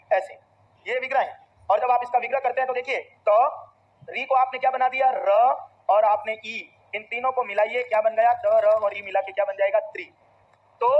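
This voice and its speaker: A man's voice: very high-pitched, slightly rough. A male teacher with a Rajasthani Hindi accent, giving a classroom grammar lesson, repeating points and answering his own questions. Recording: dull lo-fi recording.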